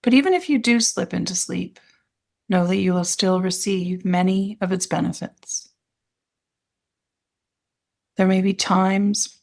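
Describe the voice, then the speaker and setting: A woman with a mid-range, creaky voice leads a guided meditation as an instructor. She speaks in gentle, soothing phrases, pausing between them.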